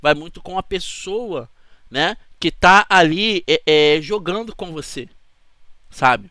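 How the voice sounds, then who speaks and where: With a Brazilian Portuguese accent, a man hosts his channel, talking to camera slowly in a fairly high, pushed and bright voice with no room sound. His talk is chatty and rambling, and he keeps checking in with the listener.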